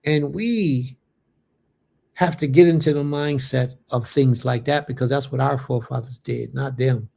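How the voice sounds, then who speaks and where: Hosting a faith livestream, a man in his late thirties talks in an unhurried, gravelly, mellow mid-range voice. He reads his viewers' comments aloud, replies to each in a casual way, and weaves Hebrew blessings into his talk.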